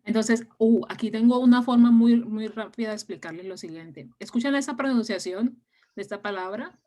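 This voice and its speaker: A woman's voice: fairly high pitch, moderate pace, mellow. Woman teaching an English class online. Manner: explains patiently, mixing Spanish with English words. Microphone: laptop mic on a video call.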